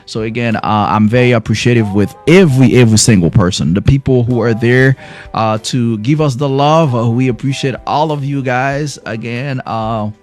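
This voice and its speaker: A man's voice: medium pitch, normal speed, a little mellow, faint music behind. A man with a French accent hosting a live health education show from a clinic, closing out with effusive, repeated thanks to his viewers. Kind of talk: live-stream sign-off.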